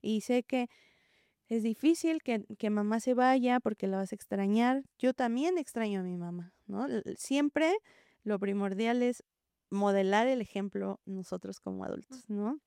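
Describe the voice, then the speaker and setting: A woman, a preschool teacher, explaining gently in an interview and acting out what children and teachers say. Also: fairly high pitch, unhurried, clear, resonant tone, dry recording, studio quality. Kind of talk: interview answer, calm explaining.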